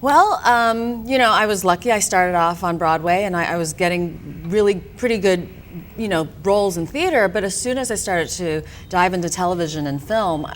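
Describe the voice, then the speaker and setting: This lowish-voiced woman speaks at a normal pace over a faint hiss or hum. She's a Hong Kong director and actress appearing as a guest, fielding interview questions in a chatty way full of "you know" and "um."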